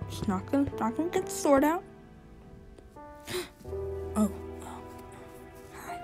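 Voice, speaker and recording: A woman who makes gaming videos, giving casual, excitable commentary while she plays and breaking into sudden gasps and shouts. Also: sits high, takes it slowly, music in the background, poor audio. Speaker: gaming YouTuber.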